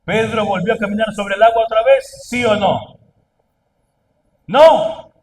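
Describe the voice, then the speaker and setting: A man preaching a sermon, asking the congregation questions and building to loud, emphatic calls. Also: sits high, steady tone, fairly quick, far from the mic, a little hiss or hum, poor audio. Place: church.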